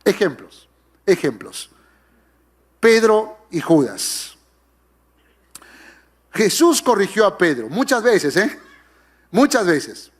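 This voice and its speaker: A man's voice: sits high, big pitch swings, takes it slowly, long pauses, husky. A middle-aged male pastor preaching a sermon, asking the congregation questions and acting out the voices he quotes. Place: church.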